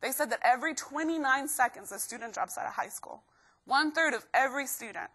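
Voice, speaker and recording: A young woman from Guatemala gives a lively motivational talk to a room of students. Her voice is bright and forward, sitting a little high, and she keeps tossing questions out to the crowd. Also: brisk, husky. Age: young adult. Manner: energetic, keeps quizzing the crowd. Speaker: motivational speaker.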